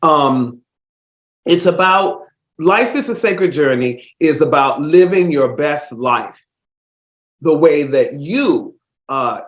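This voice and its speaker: Stuffed up with a cold, the host of this casual solo podcast talks in a rambling, kindly manner, stumbling through fillers and starting sentences over. His voice runs a little high, and there's reverb on the recording.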